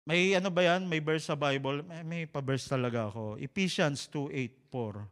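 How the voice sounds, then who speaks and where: Filipino guy preaching, bright punchy voice, jokey stories, long echo like a church hall. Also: on the high side, moderate pace. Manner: animated, joking storyteller mixing Tagalog and English. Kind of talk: sermon with storytelling.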